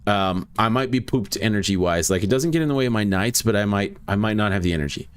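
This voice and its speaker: A young adult male streamer chats casually with viewers while playing a ghost-hunting game, rambling between notes on the gameplay. His voice is lowish, fast, and clean.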